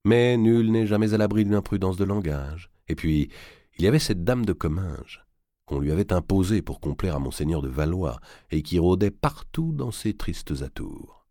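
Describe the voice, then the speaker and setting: A man narrating a historical novel as an expressive audiobook reader. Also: sits low, normal speed, no echo, clean studio sound. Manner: expressive storyteller, varied delivery.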